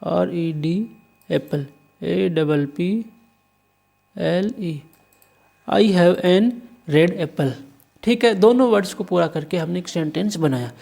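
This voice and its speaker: Speaking slowly with frequent pauses, a teacher from India goes through an exam paper, spelling words one letter at a time and answering their own questions. The voice is medium-pitched, gravelly and dark.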